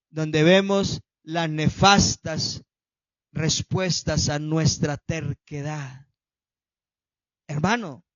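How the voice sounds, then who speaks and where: A man preaching a sermon as pastor, swinging from loud shouted peaks to hushed asides. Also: sits high, no echo, dull audio. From Colombia.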